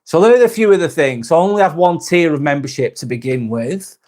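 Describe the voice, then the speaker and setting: Hosting a live stream, a man with a fairly high-pitched voice reads viewer comments aloud and chats at a quick pace. His talk is relaxed and rambling, with plenty of restarts and an occasional swear word.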